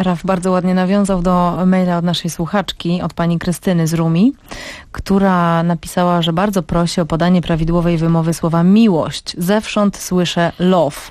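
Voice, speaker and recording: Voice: medium pitch, little pitch movement, fairly quick, a little mellow, no room sound. A radio host chatting casually and teasing a co-host, often laughing. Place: radio studio.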